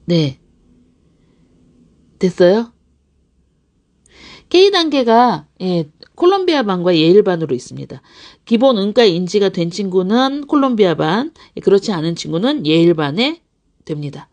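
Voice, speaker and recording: A woman hosts a live stream for parents about children's English learning. She talks in a casual, animated way, her pitch swinging widely, and she laughs often as she acts out little scenes. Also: unhurried, pauses often. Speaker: English academy director hosting a live stream. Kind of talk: live-stream talk answering parents' questions.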